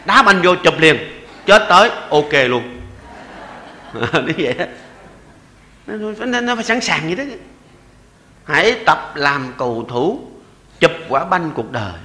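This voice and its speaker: A man in his sixties, a Buddhist monk with a Southern Vietnamese accent, delivers a playful sermon in a bright, fairly high voice. His pitch swings widely as he jokes with listeners. He slows down to recite verses and repeated chants. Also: roomy sound, long reverb tail. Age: 60s. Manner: lively and joking, often chuckling. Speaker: Buddhist monk giving a dharma talk.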